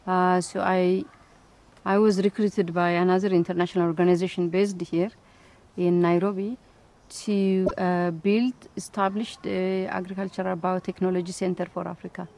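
Woman scientist from Ethiopia, halting. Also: on the low side, level tone, darkish tone. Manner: hesitant, many fillers and restarts. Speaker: interviewee; scientist and institute director. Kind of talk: interview answers.

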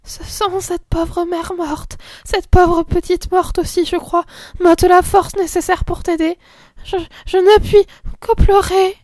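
Woman reader as a weak, trembling young girl; high, slow, tearful; storybook. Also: flat delivery, darkish tone, dry recording.

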